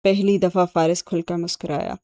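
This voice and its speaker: A woman reads an audiobook in a steady storytelling manner. Her voice is low and mellow. The recording is dry and close-miked, with no room sound. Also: no room sound. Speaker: audiobook narrator. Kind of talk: audiobook narration.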